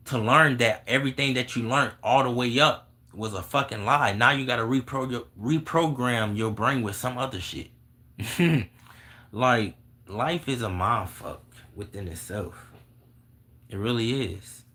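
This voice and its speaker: Young male vlogger, casual and profane, quick to laugh, bright edge in the voice. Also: medium pitch. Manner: profane, blunt, laughs often. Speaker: vlogger answering viewer questions. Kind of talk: casual spiritual monologue.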